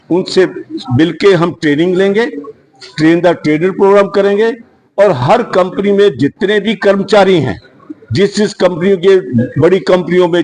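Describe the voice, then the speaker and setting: A man with a fairly high pitch speaks as the head of an industry association. He talks unscripted to the press, earnest and rambling, and he keeps circling back to restart his sentences. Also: a little mellow, low-quality recording. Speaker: security industry association leader. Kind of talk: unscripted media statement.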